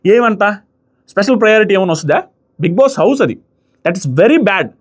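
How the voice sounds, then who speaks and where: With a high, animated, slightly rough voice at a normal pace, a man picks apart a reality show in casual, combative talk. He stresses his opinions hard and loudly performs the contestants' quotes.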